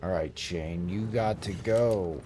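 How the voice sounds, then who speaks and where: A man's voice: low voice, takes it slowly. A man giving casual game commentary, muttering and thinking aloud as he plays. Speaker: gamer. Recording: clear background game noise.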